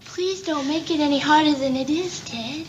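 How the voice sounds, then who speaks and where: Actress as sweet, naive, high-voiced girlfriend. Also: normal speed, close to an everyday voice. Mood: quietly firm. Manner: simple, childlike earnestness. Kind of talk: 1970s multi-camera sitcom acting. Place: TV studio set, indoors. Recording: dull, noisy vintage TV soundtrack.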